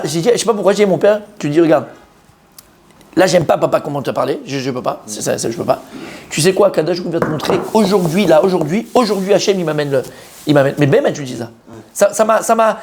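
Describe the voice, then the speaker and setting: Fast-talking rabbi telling a story. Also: male voice, a little high. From Israel. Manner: animated storyteller who acts out quoted voices. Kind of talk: storytelling sermon.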